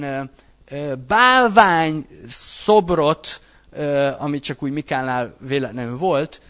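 A man preaching a sermon in a conversational way, reading verses aloud and then explaining them, often checking in with his listeners. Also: a little high. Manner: animated, conversational, often asks listeners "you know?".

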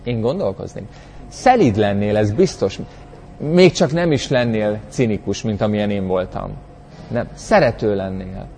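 A man's voice: lowish voice, dark tone, big-room sound, a little hiss or hum. A man teaching from the Bible in a conversational way, reflective, often searching for words, with bursts of dramatic emphasis. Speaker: preacher.

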